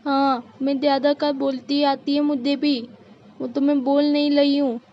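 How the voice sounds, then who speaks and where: A woman's voice: high-pitched, flat delivery, normal speed. A woman voicing a young daughter-in-law in a cartoon who speaks with a heavy childlike lisp, timid yet answering back. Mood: pleading. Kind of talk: cartoon voice acting. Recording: dull lo-fi recording.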